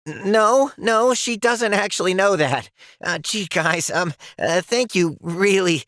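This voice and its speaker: Jittery, stammering young pen. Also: male voice, high-pitched, animated, measured pace, a bit bright, no room sound, studio quality. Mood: dejected. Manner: stammering, anxious. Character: young male pen, shy, nervous, self-doubting. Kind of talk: animated cartoon voice acting.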